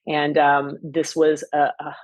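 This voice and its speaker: A Texan physician in her forties hosts her own podcast, talking solo in a loose, rambling way full of fillers and restarts. Her low, monotone voice moves slowly, and the recording is dry.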